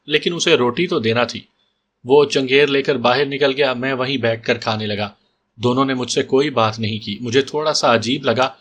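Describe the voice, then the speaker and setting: Calm male audiobook narrator. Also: mid-range voice. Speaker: storyteller.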